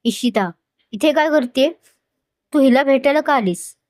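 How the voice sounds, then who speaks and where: A woman's voice: high voice, a little slow, a little mellow, no room sound, pitched above the performer's own voice. A woman voicing a possessive, hot-tempered young man with a commanding, intense manner, in a dry close recording. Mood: angry.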